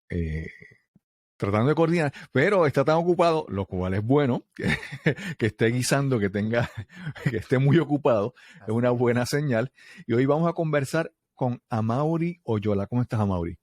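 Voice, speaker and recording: A man hosting an interview podcast, friendly and halting, often chuckling. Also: medium pitch, expressive, a little mellow. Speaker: podcast host. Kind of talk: casual interview chat.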